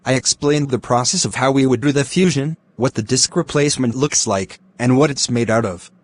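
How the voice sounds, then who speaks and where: A man giving rehearsed, formal answers as a doctor in a speaking exam, carefully worded and measured. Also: mid-range voice.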